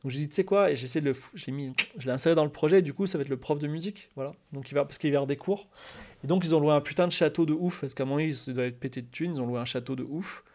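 Chatting casually with his live-stream audience, a man rambles through lots of fillers and restarts, getting animated whenever he's excited. His voice sits a little high and he talks very fast.

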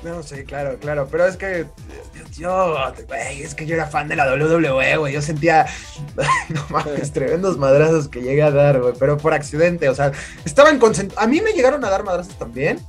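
A man's voice: on the high side, moderate pace, faint music behind. A young man with a Mexican accent, co-hosting a podcast, telling stories in casual slang and acting out what people said. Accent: Mexican Spanish. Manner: slangy, laughing, acts out quotes loudly. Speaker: podcast co-host. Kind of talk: casual storytelling chat.

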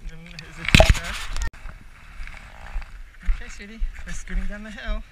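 A man teaching a small child to ski, gently repeating praise and simple instructions, filmed on a chest camera outdoors. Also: high-pitched, measured pace, very noisy. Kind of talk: encouraging coaching while skiing. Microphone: action camera on the chest.

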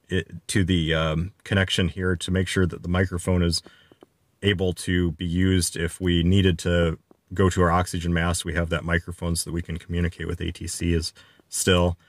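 Deep-voiced male flight instructor, relaxed and unscripted, filler-heavy, dry close sound in a cockpit. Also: no echo. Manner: relaxed, explanatory, frequent fillers and restarts. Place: inside an aircraft cockpit.

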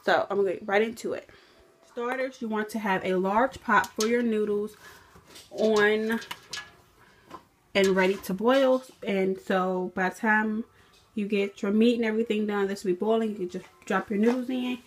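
Speaking at a moderate pace with a steady tone and a medium-pitched voice, a woman walks through a recipe step by step in her home kitchen. She's a cooking vlogger thinking aloud and correcting herself in a casual walkthrough, recorded by a counter-top camera with a little hiss or hum.

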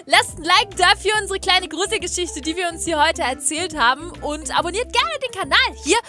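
A woman hosting a game video, narrating a creepy story in a dramatic, excitable way. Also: very high voice, normal speed. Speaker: host. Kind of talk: horror story narration during gameplay.

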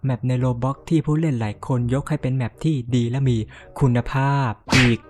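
A man's voice: medium pitch, steady tone, normal speed, darkish tone. A man giving casual let's-play commentary as a gaming YouTuber, joking around, swearing often and yelping in panic at scares.

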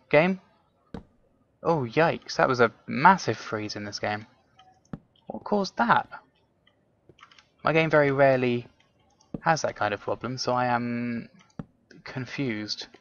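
A young man plays a video game while rambling casually to himself and his audience, dropping frequent ums along the way. His voice sits in the mid range and sounds a bit bright, though the recording's highs are cut off.

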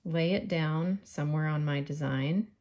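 A woman's voice: sits low, normal speed, darkish tone. A woman with a faint New York accent giving a friendly step-by-step polymer clay crafting tutorial.

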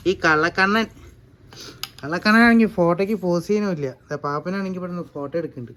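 A man's voice: high voice, quick pace, a bit bright. A young man chatting casually in a family vlog, playful and talkative. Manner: chatty, playful, talks to the baby in a sing-song voice. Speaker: vlogger.

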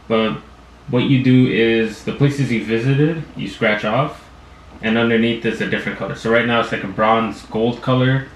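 A young man from Afghanistan chatting casually to his camera, rambling with fillers and laughing at himself. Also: on the low side. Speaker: vlogger. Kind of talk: casual vlog chat. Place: home room with TV on. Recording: roomy home recording with faint noise.

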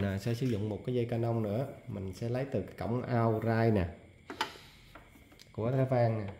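A man walks through a hands-on tutorial in a relaxed, chatty way, filling pauses as he goes. His voice is mellow and dark, and the room around him is echoey. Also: mid-range voice, a little hiss or hum. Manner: chatty, many fillers and "nha" tags, explains step by step. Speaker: audio equipment technician.

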